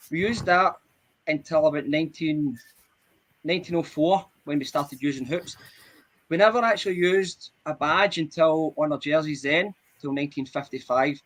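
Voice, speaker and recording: A man with a slightly raised pitch, co-hosting a podcast on a video call. His talk is easygoing and informal as he runs through facts he has looked up. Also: a bit bright. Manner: informal, says mate and bud, recounts researched facts. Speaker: podcast co-host. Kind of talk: casual podcast chat.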